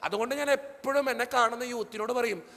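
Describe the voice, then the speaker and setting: This fast-talking priest entertains a youth audience with jokes and animated stories, imitating the people he quotes. Unusually high for a man and gravelly, his voice carries a lengthy reverb that suggests a big hall.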